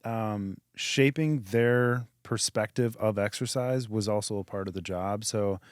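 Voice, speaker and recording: A man hosting a podcast, relaxed and asking easy questions. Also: fairly low pitch, measured pace, no echo, studio quality. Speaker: podcast host. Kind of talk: casual podcast conversation.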